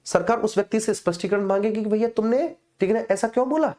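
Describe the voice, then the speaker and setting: Her voice is mid-range, warm, and quick. She runs an informal exam coaching session, explaining in a teacherly manner and going over things repeatedly, with plenty of tag phrases to confirm students keep up.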